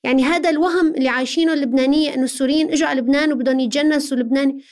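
A woman's voice: high voice, fairly even intonation, rapid-fire, darkish tone. A middle-aged woman with a Syrian accent, speaking as an interview guest in an earnest, explanatory way with rhetorical questions. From Syria, Aleppo.

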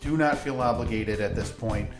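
Man talking over an echoey low-quality stream. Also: moderate pace, over music. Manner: joking, chatty banter. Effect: low-quality audio stream. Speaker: podcast co-host. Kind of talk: casual chat.

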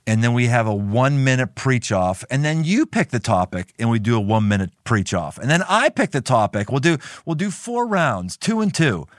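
A man's voice: medium pitch, very animated, moderate pace, hardly any pauses, dry recording, studio quality. A man hosting a casual chat and preaching off the cuff, playfully competitive and repeating phrases for emphasis. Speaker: podcast host and preacher.

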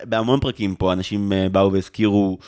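A man in his thirties hosting a podcast, chatty and jokey, full of quick asides. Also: fairly low pitch, fairly even intonation, a little mellow. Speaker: podcast host. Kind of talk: casual podcast chat.

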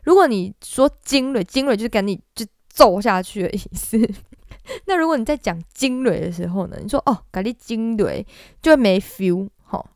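Expressive and a little mellow, this woman's mid-range voice moves at a moderate pace as she hosts a relaxed singing lesson on her podcast. She's playful and talkative, frequently laughing and showing how things are done, in clean studio audio without echo.

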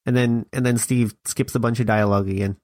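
A man's voice: on the low side, fairly even intonation, fast talker, a little mellow. A man narrating a video game playthrough in comedic play-by-play with wry joking asides.

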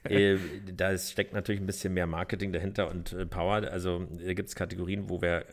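A man with a deep, low voice co-hosting a podcast, chatting casually and explaining in a calm, hesitant way. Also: fast talker. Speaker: podcast co-host.

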